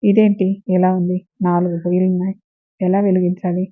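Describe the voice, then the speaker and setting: A woman's voice: lowish voice, little pitch movement, brisk, close to an everyday voice. A woman voicing an innocent, naive young village bride who talks in a simple, earnest, childlike way. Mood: puzzled. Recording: tinny phone-like sound.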